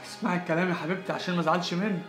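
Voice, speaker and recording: A woman's voice: on the low side, fairly even intonation, very fast, natural voice. Mohamed: a woman playing a jittery husband. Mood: anxious. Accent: Egyptian Arabic. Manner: anxious, repeats himself. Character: nervous husband, fretful, keeps praying. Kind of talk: amateur web drama acting. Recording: roomy echo with music under it.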